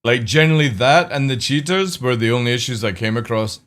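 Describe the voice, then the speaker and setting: Greeting chatters by name and dropping the odd swear word, a young man chats casually on his stream. His mid-range voice is fairly quick and bright, with a slight crackle.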